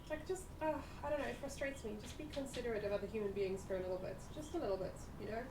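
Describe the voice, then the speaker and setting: A woman with a fairly high voice rambles through a casual chat with friends. She is self-mocking and animated. The mic sits well away from her, and the room is echoey with clear background noise. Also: racing. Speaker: stream co-host. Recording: distant mic, roomy echo, noise.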